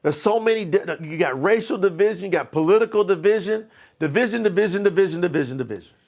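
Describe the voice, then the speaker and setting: Male motivational coach; emphatic, repetitive delivery, raspy fry in the voice. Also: high voice, animated, quick pace, darkish tone. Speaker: life coach. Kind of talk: motivational training talk.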